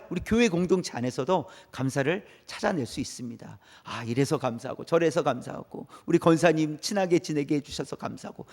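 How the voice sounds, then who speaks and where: Guy preaching in church, chatty, keeps asking the folks questions, high voice that jumps around a lot. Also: darkish tone. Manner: conversational, asks the congregation questions. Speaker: pastor. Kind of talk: sermon.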